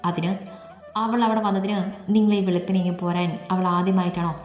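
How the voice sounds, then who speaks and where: A woman's voice: lowish voice, fairly even intonation, a little fast, natural voice. Woman reading a stern, protective brother. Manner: blunt, pressing questions. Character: stern protective young man, quick to anger. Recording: echoey room, long reverb, soft music.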